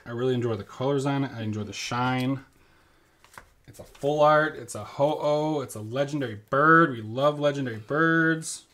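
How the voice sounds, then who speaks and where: A man's voice: medium pitch, moderate pace, fairly bright tone. A father in his thirties chatting casually and joking with his son while opening trading card packs at home. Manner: playful, jokey, silly sing-song bits. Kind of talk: casual family unboxing chat.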